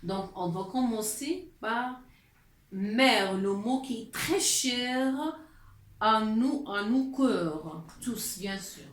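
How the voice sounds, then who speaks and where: Woman teacher for a beginner lesson; unhurried, repetitive delivery, slightly high, roomy echo. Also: expressive. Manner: patient, repetitive, hesitant with fillers. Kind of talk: classroom lesson explaining letters. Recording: echoey room.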